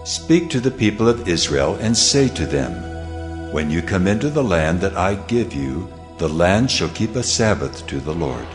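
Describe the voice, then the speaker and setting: A man's voice: deep voice, big pitch swings, moderate pace. A man voicing the Lord in a dramatized scripture recording, grave and commanding. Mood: solemn. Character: the Lord, a solemn commanding divine male voice. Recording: long hall reverb. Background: faint music.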